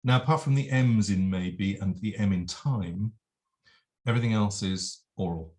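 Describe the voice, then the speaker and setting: A man's voice: lowish voice, unhurried, dark tone. A man teaching as a vocal coach, explaining and demonstrating nasal and oral sounds in a lesson.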